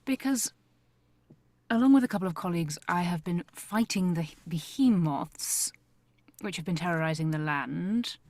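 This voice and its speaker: A woman voicing a brisk, impatient female adventurer who talks in a businesslike way. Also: lowish voice, lively intonation, a little mellow, dry recording.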